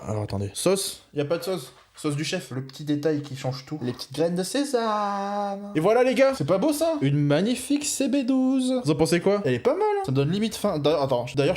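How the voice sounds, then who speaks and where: A man's voice: high voice, darkish tone. A young man streaming live, chatting casually with his viewers in a joking, slangy way while he works on a craft project. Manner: joking, slangy, reacting to chat.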